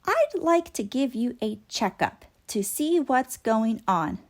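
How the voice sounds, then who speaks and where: A woman's voice: a little high, sing-song, takes it slowly. Woman as Doc McStuffins, reassuring little girl doctor. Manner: reassuring, explaining. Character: caring young girl toy doctor, reassuring, matter-of-fact.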